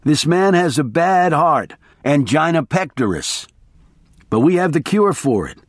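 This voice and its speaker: A man's voice: a little high, very animated, measured pace, no echo, clean studio sound, pitched above the performer's own voice. A man doing a brash, wired journalist. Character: reckless drugged male journalist, brash and wired.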